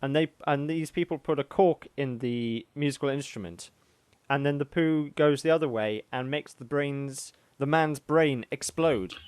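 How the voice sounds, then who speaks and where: A man co-hosting a podcast in casual chat, delivering jokes deadpan. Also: a little high, moderate pace, clear, resonant tone, no echo. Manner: deadpan joking. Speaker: podcast co-host.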